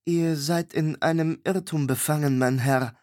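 A man's voice: fairly high pitch, unhurried, pitched above the performer's own voice, natural voice. A male audiobook reader voicing a proud young woman who speaks with stiff, forced politeness. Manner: stiffly formal, forced calm. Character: young woman, proud, sharp-tongued acolyte.

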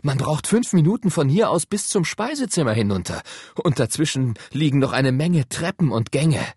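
An eager eldest boy from a storybook speaks confidently and brightly, pitched well above a man's own voice. The delivery bounces with enthusiasm, husky in texture, close and dry. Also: big pitch swings, moderate pace, no echo. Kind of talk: audiobook reading.

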